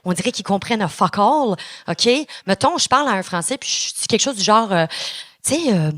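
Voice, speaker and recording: A young woman with a Quebec French accent doing an energetic, chatty stand-up set, swearing casually. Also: medium pitch, a little fast, no echo, studio quality. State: a little nervous. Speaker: stand-up comedian. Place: comedy club stage before an audience.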